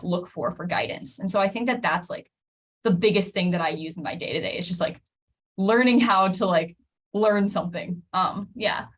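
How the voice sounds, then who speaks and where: A young woman talks casually on an online panel, filling her sentences with likes. Her voice sits at a middling pitch. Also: breathy edge. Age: 20s. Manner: chatty, with constant likes. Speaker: alumna panelist.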